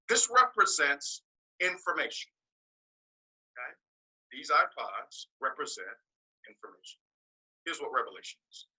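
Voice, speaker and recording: A man preaches a morning message with a husky, breathy grain to his voice and a sharp, forceful push behind every line. He leans hard on repetition and slips in joking asides, and he was born in the US and raised partly in Nigeria. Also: sits high, low-quality recording. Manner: emphatic, repeats key words, joking asides. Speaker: speaker giving a morning message. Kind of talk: preaching to a congregation.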